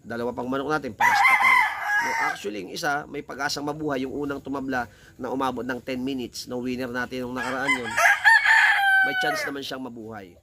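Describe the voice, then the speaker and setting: A man, hoarse from shouting, talking in a heated, animated way as a casual vlog host. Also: medium pitch, brisk, heavy background noise. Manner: animated, heated, repeats himself. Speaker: cockfighting vlogger. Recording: loud roosters crowing behind.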